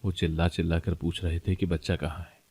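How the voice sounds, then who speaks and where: A man narrates a moral story in a steady, even reading. His voice is very deep and the recording is dry and close. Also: husky, no room sound.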